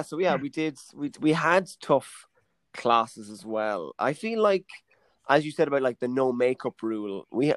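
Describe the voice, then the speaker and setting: A man's voice: medium pitch, dry recording. A young man, a comedian hosting a casual chat, telling stories and acting out the voices of people he quotes. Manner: animated, acts out quoted voices. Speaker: comedian and podcast host.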